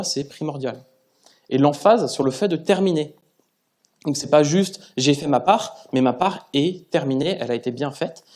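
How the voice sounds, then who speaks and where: A man's voice: fairly high pitch, darkish tone. A man giving a conference talk to a live audience in a conversational, self-deprecating way, often restarting his sentences. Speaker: conference speaker. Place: conference room.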